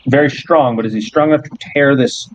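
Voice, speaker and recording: A man's voice: mid-range voice, brisk, background noise. A man narrating a tabletop game as game master, laid-back and joking, swearing often. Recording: dull, dry recording.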